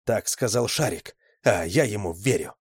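A man voicing a calm, matter-of-fact young woman in a storybook. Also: lowish voice, moderate pace, slightly rough, no echo, studio quality.

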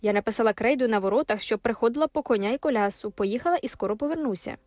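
A woman's voice: a little high, rapid-fire, a little mellow, no room sound, studio quality, close to an everyday voice. A woman reading an audiobook, voicing a proud young woman farm owner with cool, haughty retorts.

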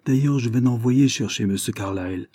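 A man's voice: medium pitch, fairly quick, dark tone, lightly acted. A man voicing an old, loyal butler who speaks urgently and pleadingly. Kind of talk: audiobook character voice.

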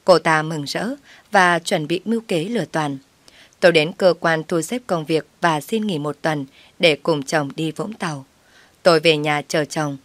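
Woman narrator, low voice, dry close sound, brisk first-person storytelling. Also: fairly bright tone, dry recording.

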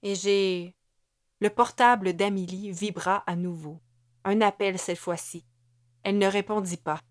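A woman narrates a novel in a measured, steady read. Her voice sits at a middle pitch. The recording is close and dry, with no room echo. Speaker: audiobook narrator.

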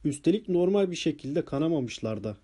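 An excitable little doctor, put on by a male narrator, pitched well above the reader's own voice. He talks earnestly and eagerly, explaining each point, with a warm, mellow tone underneath. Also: fairly quick, husky.

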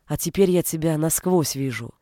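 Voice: mid-range voice, normal speed, darkish tone, no room sound, studio quality, lightly acted. A reader voicing a proud, indignant young woman. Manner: indignant, cold. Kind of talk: audiobook character reading.

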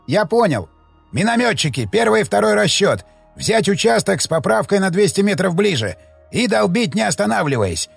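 A gruff old army commander, as a male narrator puts him on, barks orders and curses in a gravelly, husky voice that sits high and swings widely. The voice is an audiobook character voice, recorded dry and close with faint music behind it. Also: no echo, full character voice. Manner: barking orders, cursing.

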